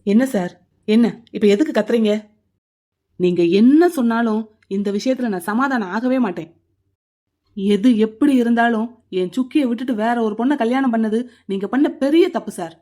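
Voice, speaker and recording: A man's voice: very high-pitched, normal speed, warm tone. A performer voicing a hot-tempered, stubborn young man in a cartoon, blunt and angry. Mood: indignant.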